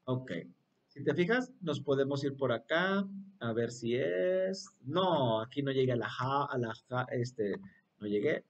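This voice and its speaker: A man's voice: medium pitch, animated, unhurried, distant mic, dull audio. A man teaching English to young children in an online class, cheerful and coaxing, asking them to repeat words after him.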